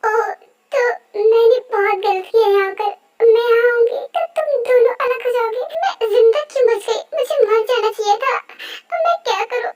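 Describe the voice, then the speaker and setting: A woman's voice: quick pace, highs cut off, faint music behind. A young woman voicing a clingy, desperate first wife. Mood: despairing. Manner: pleading, tearful, high-strung. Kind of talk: Hindi fan dub role-play.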